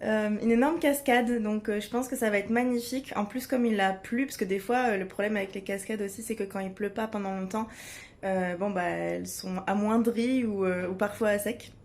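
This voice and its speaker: A woman's voice: mid-range voice, steady tone, fairly quick, a little mellow. A woman chatting casually as a travel vlogger, hesitant and searching for her words. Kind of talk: casual chat to camera. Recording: clear background ambient noise.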